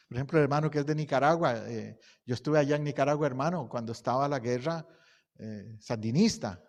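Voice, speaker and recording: A middle-aged male pastor preaching a storytelling sermon, building to emphatic bursts. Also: fairly high pitch. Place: church hall. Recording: long church hall reverb.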